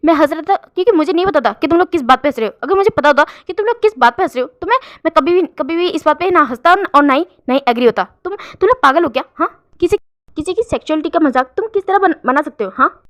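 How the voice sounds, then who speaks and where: A woman plays a fiery young man in a told fan-fiction story, scolding his friends in a fast, high voice. He tumbles over repeated words when worked up, sharp and indignant. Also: animated. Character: teen boy, hot-tempered defender of a friend.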